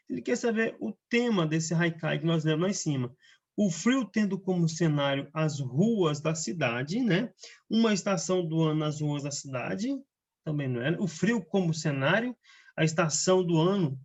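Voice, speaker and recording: A man's voice: sits high, dull audio. A man with a Brazilian Portuguese accent, a teacher going over the answers in a casual remote lesson and checking in with his students all the time. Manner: chatty, keeps checking in with tags like "né?" and "beleza?".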